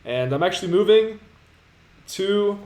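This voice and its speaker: His voice is high and a bit dark in tone, moving with lively intonation but at a slightly slow pace. He's a twenty-something from Latvia running a relaxed livestream Q&A in an apartment with a city view, cheerfully motivating the viewers he talks to directly.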